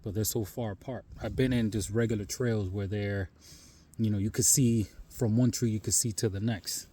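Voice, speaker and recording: Man, low and mellow, reflective outdoor phone vlog; tired, cold, calm musing delivery with casual asides. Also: moderate pace. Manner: calm, musing, many "you know" asides. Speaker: vlogger. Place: outdoors on a snowy forest trail. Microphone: handheld phone.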